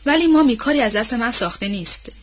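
A woman reading aloud and voicing a gentle, soft-hearted young lady who speaks in a soothing, hesitant way. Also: on the high side, expressive, lo-fi sound.

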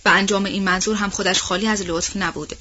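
Give me a woman narrating a novel in a measured voice, on a muffled audiobook track. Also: medium pitch, steady tone, sharp tone. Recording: dull, muffled audiobook recording.

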